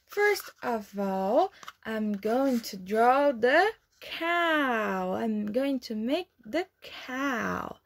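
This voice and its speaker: A woman teaching children online, reading a storybook aloud and then guiding a craft activity in a slow, clear, expressive way. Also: fairly high pitch. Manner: slow, clear, expressive delivery for young learners.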